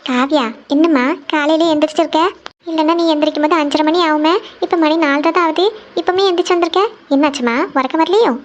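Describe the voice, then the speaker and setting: A woman's voice: high-pitched, fairly even intonation, fast talker, highs cut off, lightly acted. A woman voicing an anxious, caring middle-aged mother in a family cartoon, who talks in a worried way, thinking aloud. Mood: concerned. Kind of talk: cartoon voice acting.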